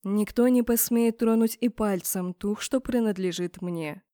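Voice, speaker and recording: A woman voicing a brooding, possessive male mage rector who murmurs slowly and huskily. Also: medium pitch, dry recording, clean studio sound, natural voice. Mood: hushed, possessive. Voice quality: husky. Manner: slow hushed murmur.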